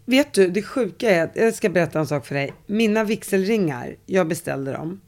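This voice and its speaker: A woman's voice: fairly low pitch, animated, a little mellow. A woman hosting a casual chat, asking curious questions and joking.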